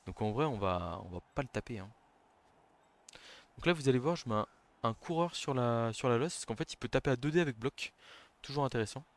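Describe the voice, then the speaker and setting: A man narrating his own strategy game as he plays, swinging from low, muttered planning to loud bursts of excitement. His pitch leaps around wildly when a move lands or fails. He sounds like a player streaming for his viewers. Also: fairly quick, pauses often. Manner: excitable, shouts on big plays, then murmurs tactics. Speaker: gaming commentator. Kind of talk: live game commentary.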